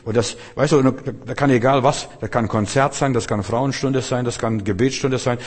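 A man's voice: mid-range voice, fairly even intonation, normal speed, slightly rough. A man preaching a sermon in German, telling his own story in a rambling way and often repeating words. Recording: reverberant hall.

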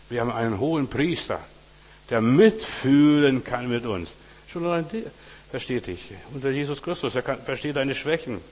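A man's voice: medium pitch, long reverb tail, a little hiss or hum, low-quality recording. A man preaching a sermon, speaking straight to his listeners with frequent asides and reading scripture aloud with rising drama. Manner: direct address with frequent 'weißt du', dramatic scripture readings.

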